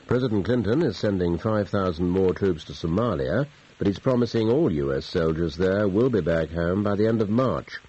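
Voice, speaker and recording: A man's voice: low voice, animated, mellow, a little hiss or hum. A man reading a formal morning news bulletin, heard as a dull, tinny broadcast from a clock radio. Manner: measured, formal news delivery. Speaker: radio newsreader.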